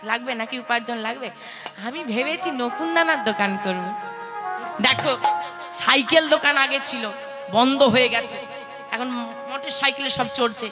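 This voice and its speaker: A woman giving a playful devotional sermon to a seated audience, teasing listeners and calling them to chant along. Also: sits high. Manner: playful, teasing the audience, calls for call-and-response. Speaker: kirtan preacher. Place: religious gathering before a seated audience. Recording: loud live music behind the voice. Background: devotional music.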